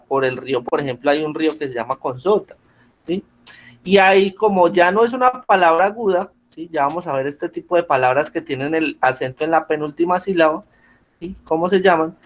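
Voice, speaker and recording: Teacher on a video call. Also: male voice, on the high side, lively intonation, moderate pace. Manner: patient, checks in with frequent questions. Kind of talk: online class lesson.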